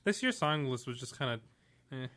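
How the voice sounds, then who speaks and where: Casting: lively, bright male podcast co-host, teasing and chatty. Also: medium pitch, brisk. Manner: teasing, storytelling with quoted voices. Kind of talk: casual chat.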